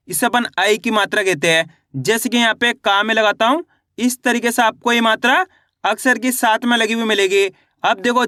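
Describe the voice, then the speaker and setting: A bright, fairly high-pitched man leads a Hindi reading lesson in a dry, close recording. He keeps asking his own questions and then answering them. He slows right down to sound out each syllable. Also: dry recording. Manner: patient, repeats questions and answers them himself. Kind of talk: online literacy lesson.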